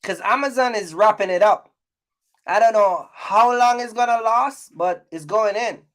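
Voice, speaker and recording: With a fairly bright tone and measured pace, this vlog host, a YouTuber making trucking business videos, addresses his audience in a distinctly high male voice. He talks colloquially and opinionatedly, using repetition to press his points hard.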